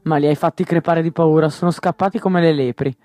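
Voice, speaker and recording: A man's voice: on the high side, steady tone, brisk, warm tone, no room sound, natural voice. A man voicing a shrewd, brash male smuggler in a novel reading, blunt and slangy.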